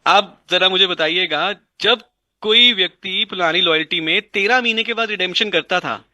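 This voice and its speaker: Guy explaining a business plan, high voice, dry close sound, says things twice for emphasis. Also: moderate pace, sharp tone, no echo. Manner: mixes Hindi and English, repeats phrases for emphasis. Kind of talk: explanatory interview talk. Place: indoors at a dining table.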